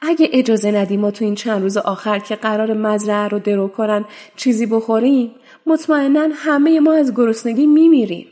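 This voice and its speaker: A woman's voice: a little high, mellow, long reverb tail, close to an everyday voice. A woman voicing a fearful, pleading pigeon. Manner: fearful, imploring. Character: frightened, pleading wild pigeon.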